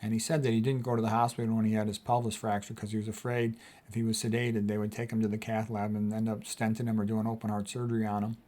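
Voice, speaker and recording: This host, a physician aged sixty, reads quotes out and weighs in on them casually and forcefully, hammering his key points through repetition. His voice is on the low side and mellow, fast, with little movement in pitch.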